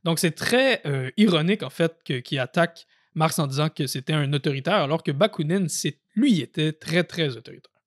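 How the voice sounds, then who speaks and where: A man with a Québécois French accent and a slightly high voice walks through history in a relaxed, conversational way. He thinks aloud as he talks, repeating words and dropping in fillers. It sounds like an audio-only podcast discussion. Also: fairly quick. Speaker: podcast co-host. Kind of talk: casual political history discussion.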